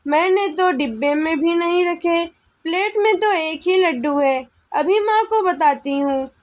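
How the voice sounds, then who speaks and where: A woman voicing a meek, dutiful young daughter-in-law in a storybook tale, with a very high, slow voice. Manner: polite, meek.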